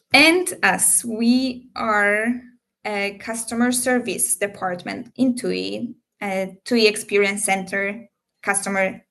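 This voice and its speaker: Hosting a live recruiting Q&A, a woman walks through the job's details slowly and deliberately in a mid-range voice with a gravelly, creaky edge. She often fills pauses with ums and uhs, and her phrasing sounds slightly non-native.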